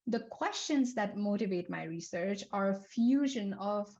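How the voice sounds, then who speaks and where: The slightly dull, lo-fi recording captures an academic seminar led by a young climate researcher from Nepal. Her middle-pitched voice stays steady and measured as she moves point by point, regularly slipping in "um" and "uh."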